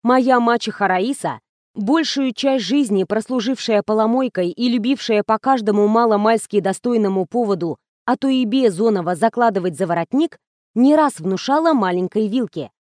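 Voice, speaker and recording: Lively woman reading a comic novel. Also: fairly high pitch, moderate pace, no echo, studio quality. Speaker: audiobook narrator.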